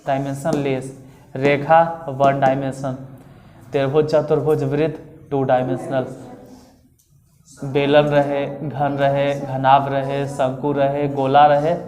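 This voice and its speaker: A man teaching a maths class online in Bihari-accented Hindi, repeating definitions slowly for students to write down and quizzing them. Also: mid-range voice, monotone, a little mellow.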